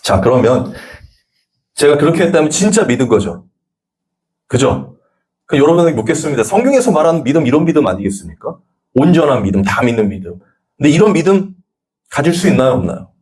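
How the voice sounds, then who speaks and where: Animated male pastor preaching. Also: a little high, brisk, pauses often. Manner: conversational storytelling, acting out dialogue. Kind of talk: sermon. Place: church Sunday service.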